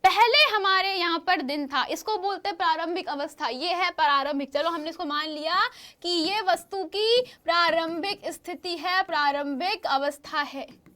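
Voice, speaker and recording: High bright lively woman teacher. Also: normal speed. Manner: lively, questioning, addresses pupils as children. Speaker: science teacher. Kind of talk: classroom lesson to children.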